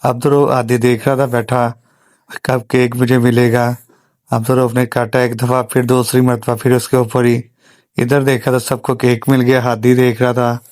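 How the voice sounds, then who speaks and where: Man, father, family vlog voice-over, very flat monotone, dry close sound. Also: mid-range voice, normal speed, dry recording. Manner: plain step-by-step recounting. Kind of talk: voice-over storytelling.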